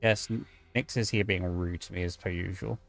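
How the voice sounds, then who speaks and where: A man's voice: sits low, steady tone, moderate pace, gravelly, fairly bright tone, soft background music. A man streaming a video game, chatting to his viewers, joking and yelping at scares. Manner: chatty, jokey, talks to chat, yelps at scares. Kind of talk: gameplay commentary.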